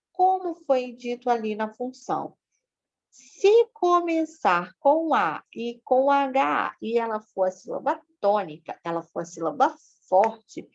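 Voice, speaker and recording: Slow, patient woman teaching. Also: medium pitch. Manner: explains patiently, checking with "certo?" and "sim?"; switches between Portuguese and Spanish explanations. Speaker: Spanish teacher. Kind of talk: recorded online grammar lesson. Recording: dull lo-fi home recording.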